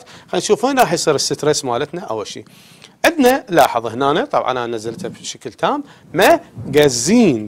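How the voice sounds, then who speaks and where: A man with an Iraqi Arabic accent teaching an English lesson on television, explaining in a mix of Arabic and English and often checking "okay?". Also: mid-range voice.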